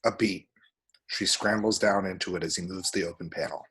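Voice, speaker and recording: Here a husky, low-sitting male voice, a bit bright and steady in tone, reads out a screenplay's action descriptions fairly quickly at a table read. It's dramatic, vivid narration that includes spoken sound effects.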